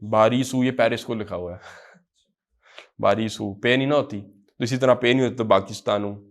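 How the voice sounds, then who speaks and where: A man with a Pakistani accent teaching an Arabic grammar lecture. He sounds words out slowly, repeats them, then explains in quick asides and checks that students follow. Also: on the low side, fairly even intonation. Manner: repeats phrases and checks understanding.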